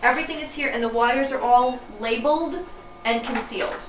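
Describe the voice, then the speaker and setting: A woman's voice: fairly high pitch, a little fast. A woman giving a casual, chatty how-to demonstration as an organizer, speaking off the cuff. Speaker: professional organizer and presenter. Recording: echoey room, distant mic, clear noise.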